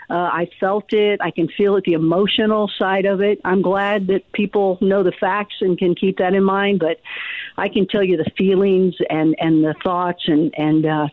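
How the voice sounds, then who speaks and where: A woman's voice: mid-range voice, no room sound. A woman talking over a tinny phone line on speakerphone, the phone held away from her mouth. She comes across as emotive and chatty, laughing easily. The line sounds dry and close-miked. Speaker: fellow radio host calling in.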